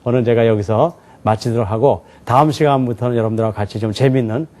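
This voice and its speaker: A man's voice: mid-range voice, a little mellow. A man giving a lecture to a class, asking questions and answering them himself, with frequent chuckles. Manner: demonstrates pronunciation slowly and syllable by syllable. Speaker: teacher. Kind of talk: televised lecture.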